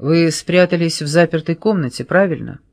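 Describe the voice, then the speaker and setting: Detective role done by the reader: a pushy, sharp-witted man who grills a suspect with sarcasm, in a dry, slightly high voice. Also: moderate pace, dry recording, close to an everyday voice. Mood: pressing. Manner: pressing, sarcastic interrogating.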